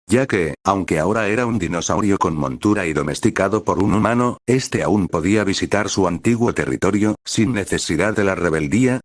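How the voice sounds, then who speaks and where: Man reading a fantasy story, low voice, dry close mic. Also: no echo. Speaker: narrator. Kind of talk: scripted story narration.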